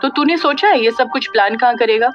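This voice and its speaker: Woman narrator doing cocky joking friend, teases a lot, highish voice, lo-fi w music. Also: a little fast, natural voice. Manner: joshing, boastful banter. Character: young man Vicky, joking, cocky buddy. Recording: dull lo-fi audio with faint music.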